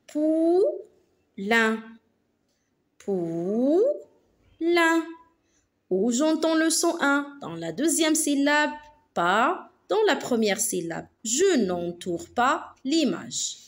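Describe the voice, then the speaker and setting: A woman teaching a phonics lesson to young children, saying each word slowly and carefully and repeating it twice. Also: sits high. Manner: slow, carefully articulated, repeats words twice. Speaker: primary school teacher.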